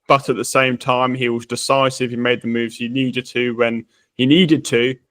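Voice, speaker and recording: A man's voice: mid-range voice, little pitch movement, moderate pace, fairly bright tone, no room sound. Chatty male podcast co-host, dry sound. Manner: chatty, laughs at own slips. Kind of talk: casual podcast commentary.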